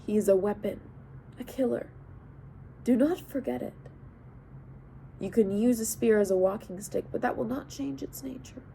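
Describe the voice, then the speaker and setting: A woman voicing a calm, cunning male king and counselor who speaks in a measured, wry way. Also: a little high, creaky, slight background noise.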